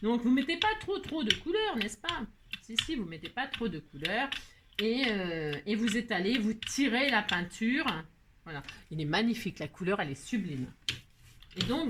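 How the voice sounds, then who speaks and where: On the high side, this woman's voice comes through over background noise as she runs a casual craft tutorial. She jokes at her own expense, stays chatty and playful, and fills her speech with fillers.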